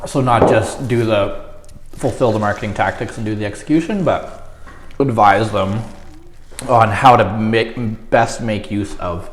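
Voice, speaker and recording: A man's voice: on the low side, unhurried. A man in a casual interview, struggling to talk with his mouth burning from spicy food, teary and hiccupy. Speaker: guest, marketing agency owner. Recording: roomy echo, faint noise.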